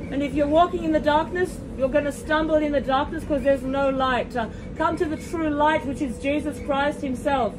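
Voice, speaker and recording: A female street preacher fervently addresses passengers inside a moving train, repeating hallelujahs and appealing to them directly. She records on a phone camera she holds herself, so the audio is swamped by loud train noise and rumble.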